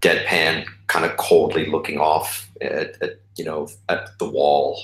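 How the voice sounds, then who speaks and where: Very deep-voiced man in an echoey room. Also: little pitch movement, a little slow. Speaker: player. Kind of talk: casual play at a tabletop game. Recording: roomy echo.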